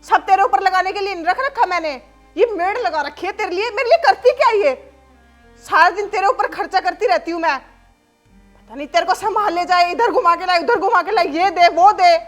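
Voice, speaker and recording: A woman playing a scornful, shrill daughter-in-law. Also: moderate pace, sharp tone, faint music behind. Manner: harsh, scolding, contemptuous. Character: arrogant daughter-in-law with a government job, cruel and scornful.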